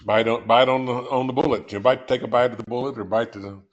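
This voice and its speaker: An older man telling a story slowly in a support group over a video call, halting, with many fillers. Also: mid-range voice, fairly even intonation, highs cut off. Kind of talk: casual storytelling.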